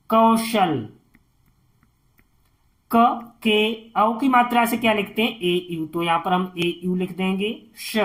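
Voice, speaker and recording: Slow, patient woman teacher. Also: medium pitch. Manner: spells words out letter by letter, drawn out. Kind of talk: slow spelling lesson for beginners.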